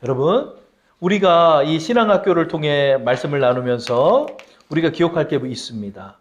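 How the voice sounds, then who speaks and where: A man's voice: a little high, animated, moderate pace, dull audio. A man preaching a sermon as pastor, asking the congregation questions and acting out the voices of people he quotes.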